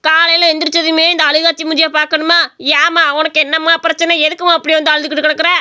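Lazy cartoon village man, gruff and quick, high bright voice, voiced by a woman. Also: completely flat delivery. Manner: gruff, dismissive retorts.

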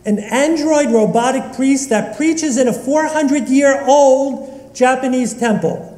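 High-voiced rabbi in an echoey hall. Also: male voice, unhurried, warm tone. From Northeast Philadelphia. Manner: humorous, bantering with the congregation. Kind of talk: sermon. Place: synagogue sanctuary.

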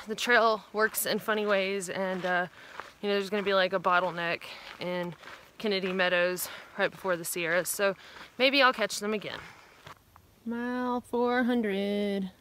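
A woman's voice: mid-range voice, unhurried. Chatty woman vlogging on a trail. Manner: relaxed, chatty, with many fillers. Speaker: thru-hiker vlogger. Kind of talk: casual hiking vlog. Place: outdoors on a mountain trail. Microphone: phone held at arm's length. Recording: noisy outdoor phone recording.

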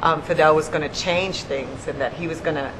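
A middle-aged woman, an actress, talking casually and earnestly about her role, pausing thoughtfully as she goes. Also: deep voice, steady tone. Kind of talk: casual table conversation. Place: indoor restaurant table, group seated over lunch. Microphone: handheld-style microphone standing on the table. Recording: noisy restaurant room ambience.

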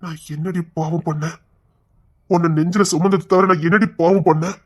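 An actor playing an obsessive, bitter husband in an audio drama, pressing with accusing questions. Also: male voice, fairly high pitch, fairly even intonation, moderate pace, close to an everyday voice. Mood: aggrieved. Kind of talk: Tamil audio drama acting.

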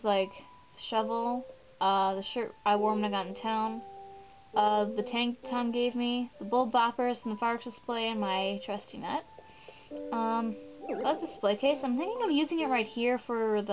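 A woman's voice: a little high, steady tone, normal speed, background noise. A woman hosting a gaming video in casual, rambling commentary, often poking fun at herself. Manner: chatty, rambling, self-mocking. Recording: muffled, with game music behind.

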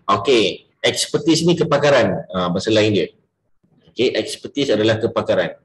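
A man's voice: fairly low pitch, expressive, moderate pace, roomy sound, low-quality recording. A Malaysian man running an interactive business coaching class, mixing English into Malay and quizzing his students by name.

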